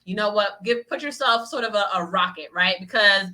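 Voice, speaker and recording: A woman coaching business owners in a quick, lively talk, tagging her points with "right?" as she goes. Her voice is bright and forward, and she rattles along at a brisk clip. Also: mid-range voice, rough recording. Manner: upbeat, peppers sentences with "right?"; acts out little voices of clients. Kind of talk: motivational solo podcast talk.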